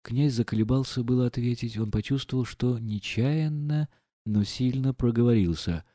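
A man reading a classic novel aloud in measured scripted narration. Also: medium pitch, warm tone, no room sound, studio quality. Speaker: audiobook narrator.

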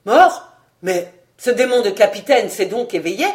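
A reader voicing a furious, scheming male nobleman in an audiobook, shouting and cursing. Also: medium pitch, normal speed, close to an everyday voice. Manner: shouting, blasphemous outbursts. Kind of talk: audiobook character reading.

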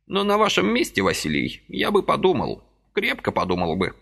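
A man voicing a frail, fussy old man who pleads gently and apologetically in a high, fluttering voice. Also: huge pitch swings, normal speed, gravelly, exaggerated voice.

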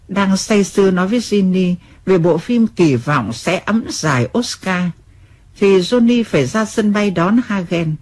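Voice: medium pitch, a little mellow, slightly rough. An audiobook presenter giving a formal, scripted introduction to a novel. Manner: formal, announcer-like.

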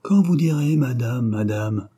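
A man voicing a shrill, indignant middle-aged wife in a read-aloud novel. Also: expressive, measured pace, dark tone, breathy edge. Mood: shrill scolding.

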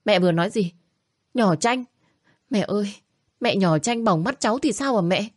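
A woman's voice: fairly low pitch, a little slow, darkish tone, no room sound, clean studio sound, natural voice. A woman voicing a young mother who scolds sharply, protective of her baby. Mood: alarmed. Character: young mother, angry and protective daughter-in-law.

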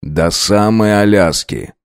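A man's voice: on the low side, slow pace, clean tone, dry recording, clean studio sound. Man voicing a blind, uneasy vampire count. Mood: uneasy, dry. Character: blind male vampire count, anxious and restrained. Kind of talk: audiobook reading.

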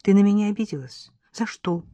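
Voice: mid-range voice, fairly quick, warm tone, no echo, voice pushed up, natural voice. A reader doing a pushy, worried young nanny. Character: persistent young female nanny, worried and curious. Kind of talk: audiobook character voice.

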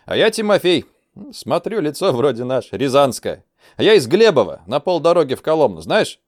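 A man's voice: on the high side, big pitch swings, normal speed, no echo, clean studio sound, pitched above the performer's own voice. A man voicing a friendly, chatty young male supply instructor. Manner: chatty and eager.

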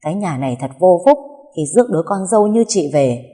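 A woman's voice: on the low side, lively intonation, moderate pace, dark tone, husky. Woman voicing a raging old patriarch. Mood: enraged. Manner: harsh berating. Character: stern older patriarch, enraged and scolding.

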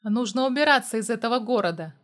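A woman voicing a hard-bitten male mercenary who talks in curt, loud, barking lines in a spoken story. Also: fairly high pitch, lively intonation, quick pace. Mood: gruff.

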